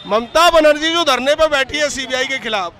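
A man's voice: extremely high pitch, moderate pace, pushed and bright, some chatter behind. A man reporting out on a city street, firing pointed, leading questions at passersby. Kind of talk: vox-pop street interview.

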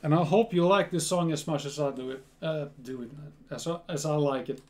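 Recording a reaction video at home in a small room full of gear, a man from Sweden in his thirties talks casually with a Swedish accent. He's slow, repeats words frequently, and restarts himself. His pitch runs high, and there's a little hiss or hum on the audio.

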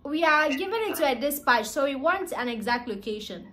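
Her voice is high, brisk, lively in intonation, and pushed and bright. She's a twenty-something woman with a Ghanaian accent, a vlogger pulling a prank call as a delivery service. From a small living room and at arm's length from the phone mic, she stays courteous but persistent, customer-service style.

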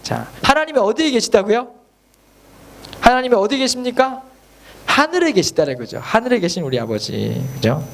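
A man's voice: sits high, slight background noise. A male pastor preaching an earnest, emphatic sermon. He keeps turning to the congregation with rhetorical questions.

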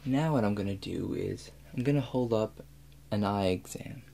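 A man in his twenties speaks softly and calmly in a fairly low voice, playing an examining doctor in an ASMR medical role play. He guides the listener step by step in a measured way. The small indoor room carries a clear, steady background hum.

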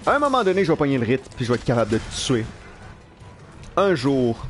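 A young man with a Quebec French accent giving live gameplay commentary in an animated, self-mocking way, swearing casually. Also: medium pitch, a little fast, faint music behind. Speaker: live streamer. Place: at work.

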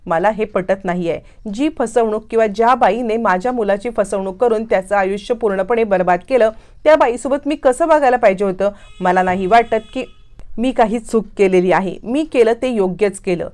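A woman's voice: medium pitch, normal speed, darkish tone, close to an everyday voice. A woman voicing a proud middle-aged matriarch who answers defiantly and indignantly.

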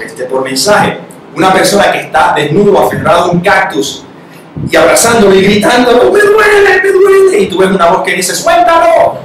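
A man's voice: high-pitched, slight background noise. Man speaking in an echoey room. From Spanish-speaking country. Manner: animated, acts out quoted voices with sudden rises. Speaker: spiritual talk facilitator. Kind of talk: spiritual talk to a live audience. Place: meeting room. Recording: echoey room, mic far off.

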